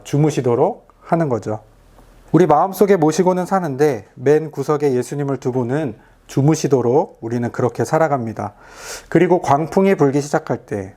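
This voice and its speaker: A man with a voice on the high side gives a recorded video sermon to his youth group as their pastor. He is earnest and gentle, speaking directly to his listeners.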